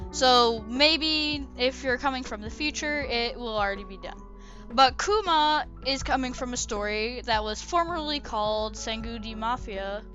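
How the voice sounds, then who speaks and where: An artist talks loosely about her drawing while a speedpaint plays, wandering off topic, pausing and fixing her own words. She has a fairly high, fairly bright voice, picked up by a desk mic with dull-sounding audio.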